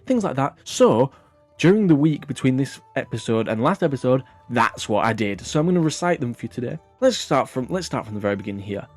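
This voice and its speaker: Animated, rambling young-sounding man vlogging. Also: medium pitch, fairly quick, soft background music. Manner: rambling and self-mocking, swears often. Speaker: vlog host. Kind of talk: casual comedic vlog chat.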